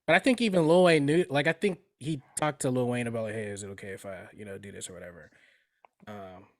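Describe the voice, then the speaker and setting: A man's voice: medium pitch, fast talker, dry recording. Chill guy co-hosting a podcast, talks loose with lots of like and um, dry sound. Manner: easygoing, hedging with fillers. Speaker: podcast co-host. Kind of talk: casual chat.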